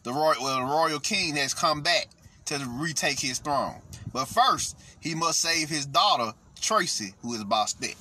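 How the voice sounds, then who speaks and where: Male host, higher-pitched and bright, loose profane commentary with constant restarts. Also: animated, a little slow, breathy edge. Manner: rambling, profane, frequent restarts, "see what I'm saying". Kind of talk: casual commentary.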